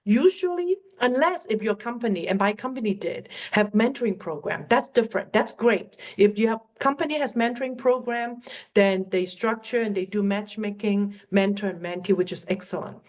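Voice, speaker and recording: A middle-aged woman, native in Cantonese and speaking with its accent, handles a webinar Q&A as a workplace communication coach. Her voice is medium-pitched with a darkish tone. Encouraging and earnest, she slows down to emphasize her main points.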